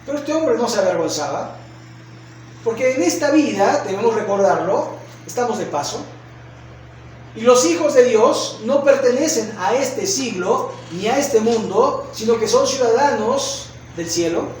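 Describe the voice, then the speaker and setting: Mexican man preaching, high voice, far from the mic, booming church echo. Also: animated, unhurried, slight background noise. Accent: Mexican Spanish. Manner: preaching with dramatic acted shouts and rhetorical questions. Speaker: pastor. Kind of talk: sermon. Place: church sanctuary. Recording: echoey church hall from far off.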